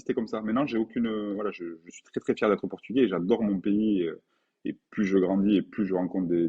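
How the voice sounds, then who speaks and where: A man's voice: lowish voice, dark tone, slightly rough, lo-fi sound. A man in his forties from France, talking earnestly as a podcast guest and repeating words for emphasis. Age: 40s. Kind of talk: conversational interview.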